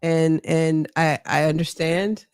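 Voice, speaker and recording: A deep, smooth, darkish voice with fairly even intonation belongs to a middle-aged woman running for mayor, speaking candidly in an interview. Strong-voiced, earnest, and reflective, she keeps checking in with "right?", and the clean studio sound has no room sound.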